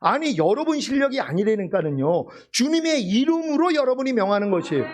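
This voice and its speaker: A pastor preaching a sermon, emphatic and full of rhetorical questions. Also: male voice, extremely high pitch, big pitch swings, a little fast, darkish tone.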